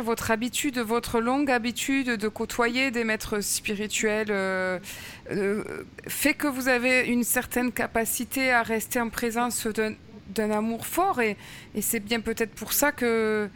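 A woman's voice: fairly high pitch, steady tone, measured pace, fairly bright tone, slight background noise. A woman interviewing a guest, attentive and reflective, thinking aloud as she rephrases what she heard. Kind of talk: conversational interview.

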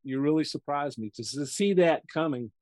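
A man's voice: fairly high pitch, normal speed, a little mellow, no room sound. A man in his sixties from the United States, a guest chatting casually in an interview and telling rambling stories while acting out what other people said. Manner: rambling storyteller who acts out other people's lines. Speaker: podcast guest, real estate investor.

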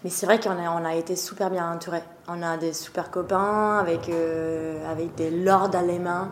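A woman's voice: on the low side, steady tone, normal speed. A young woman from northeast Italy, chatting in an interview with frequent fillers and laughs. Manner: hesitant, many fillers, laughs often. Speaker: guest, café co-owner. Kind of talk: casual interview chat. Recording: roomy sound with faint noise.

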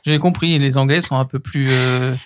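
A man hosting a casual interview, relaxed and jokey, who often stumbles over his words. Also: medium pitch, normal speed. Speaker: interview host.

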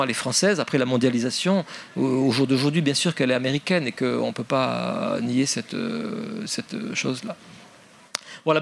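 A man's voice: medium pitch, vocal fry. A man presenting his book at a public forum, hesitant with many fillers and restarts, joking wryly at his own expense. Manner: hesitant, many fillers and restarts, wry self-mocking humor. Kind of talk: public talk, then answering questions.

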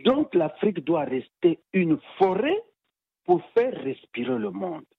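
A man's voice: high-pitched, sing-song, a little slow, slightly rough, no room sound. A man leaving an answering machine message for a radio show, speaking rhetorically and with passion, posing questions to the listeners. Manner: rhetorical and impassioned, poses questions. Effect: voicemail message played on air. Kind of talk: spoken opinion message. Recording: dry tinny phone-line voicemail.

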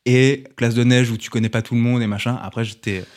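A man's voice: medium pitch, steady tone, a little fast. A man co-hosting a podcast, rambling through stories and mock-grandiose speeches in casual banter. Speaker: podcast co-host.

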